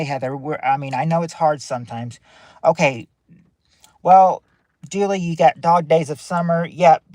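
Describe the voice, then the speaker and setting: A man's voice: on the high side, darkish tone, dry recording. Upbeat man hosting a livestream game. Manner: upbeat, reads answers and greets chat viewers by name. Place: in his car parked outside a courthouse.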